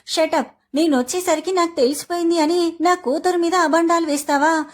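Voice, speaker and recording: A woman's voice: extremely high pitch, fairly even intonation, fairly quick. Stern boss, read by a woman. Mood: angry. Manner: harsh, scolding. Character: angry middle-aged male company boss.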